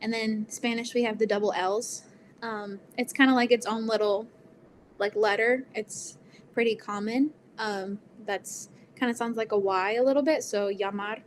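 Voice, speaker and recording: A woman's voice: a little high, fairly even intonation, moderate pace, a little hiss or hum. Chatty woman teaching, many ums. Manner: chatty, laughs often, many ums and likes. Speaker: presenter teaching Spanish basics. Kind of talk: casual online presentation.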